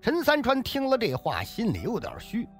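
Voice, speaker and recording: A man narrating a story in a vivid, animated storytelling style. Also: very high-pitched, normal speed, faint music behind. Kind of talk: dramatic storytelling.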